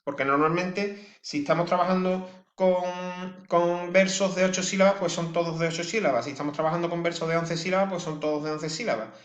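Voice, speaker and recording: A male teacher giving a lesson, explaining step by step, counting syllables out slowly and checking in with his listeners. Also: high voice, fairly bright tone, reverberant. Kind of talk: classroom lesson.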